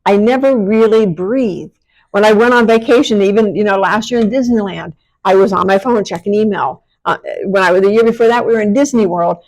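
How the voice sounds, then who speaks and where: Her voice is mid-range and darkish, and she talks a little fast over poor audio. She is a middle-aged American podcast host and women's empowerment coach from small-town Pennsylvania, offering a candid, self-deprecating, colloquial pep talk. A mild impediment touches her R and S, the R sounding close to W.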